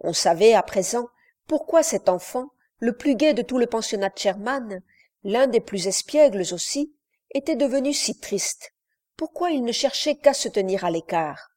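Mellow-voiced woman reading a novel. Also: a little high, animated. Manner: measured, literary. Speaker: audiobook narrator. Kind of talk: scripted narration.

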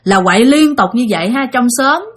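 A woman's voice: on the high side, lively intonation, fairly quick. A woman with a Southern Vietnamese accent telling a ghost story in a chatty, casual way, addressing her listeners directly.

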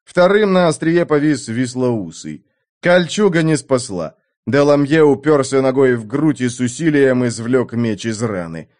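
A man reading an adventure novel aloud in a mid-pitched voice, with lively, dramatic delivery of the action scenes. Expressive audiobook narration. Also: a little slow.

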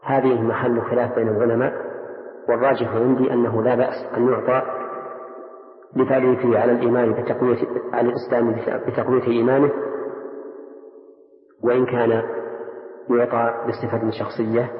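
Older man, scholar, flat steady delivery, slow reasoning, tinny phone-like sound, echoey hall. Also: mid-range voice. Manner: slow, deliberate, reasoning step by step. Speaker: scholar answering questions. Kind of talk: measured religious instruction. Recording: tinny echoey old radio recording.

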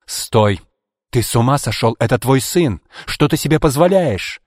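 A man's voice: lowish voice, sing-song, moderate pace, no room sound, studio quality. A man voicing a proud, defiant middle-aged mother who answers sharply.

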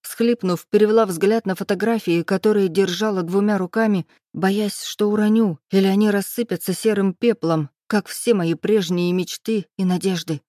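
Woman, audiobook narrator, steady first-person reading, mellow and dry sound. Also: mid-range voice, moderate pace, few pauses, no echo.

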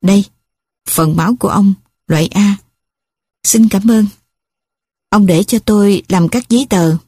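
A woman's voice: mid-range voice, unhurried, mellow, breathy edge, no room sound, studio quality. A woman voicing a brusque, impatient male clinic clerk in an audiobook story, speaking curtly. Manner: curt, impatient.

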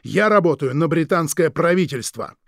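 A man's voice: fairly high pitch, lively intonation, moderate pace, creaky, fairly bright tone, no echo, clean studio sound, pitched above the performer's own voice, heavily acted. A man doing a firm indignant husband. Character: firm middle-aged British shopkeeper husband, indignant.

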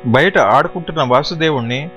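A man narrating a storybook in a steady, explanatory storytelling manner. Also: fairly high pitch, normal speed, soft background music. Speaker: audiobook narrator. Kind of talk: scripted narration.

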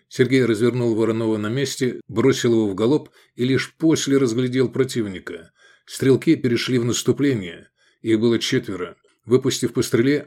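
A man giving steady, vivid scripted narration of an action novel. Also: medium pitch. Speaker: audiobook narrator.

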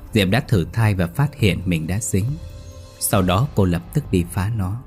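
A man narrating a scripted horror story in a measured, dramatic way. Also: sits low, darkish tone.

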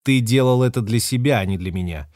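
A man's voice: medium pitch, fairly quick, no room sound, studio quality, natural voice. A man voicing a fierce, defiant young woman ship captain who talks sharply and curses. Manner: sharp, cursing, hissing. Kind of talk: audiobook character voice.

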